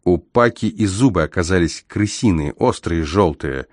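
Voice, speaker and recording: A man reading a first-person adventure story as an audiobook narrator, measured and even. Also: low-pitched, no echo, clean studio sound.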